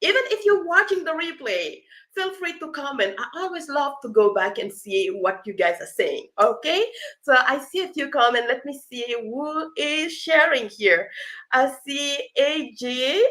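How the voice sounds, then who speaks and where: A woman's voice: high voice, lively intonation, a little slow, fairly bright tone. A woman hosting a live stream, talking cheerfully, laughing often and reading viewer comments aloud. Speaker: live session host, accessibility expert.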